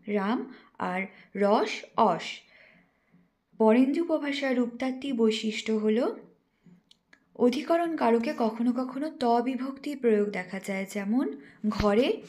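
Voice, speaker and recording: Young female trainee teacher, higher-pitched, measured didactic read-through of a lecture. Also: a little mellow. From West Bengal, India. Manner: careful and didactic, slows to spell out example words. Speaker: teacher trainee presenting a lesson. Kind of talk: read-aloud lesson presentation.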